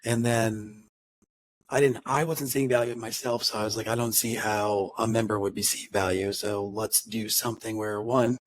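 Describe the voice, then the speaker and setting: Rambling low-voiced podcast co-host man. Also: fairly even intonation, normal speed, a little hiss or hum, low-quality recording. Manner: rambling, restarts often, acts out quotes. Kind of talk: casual chat.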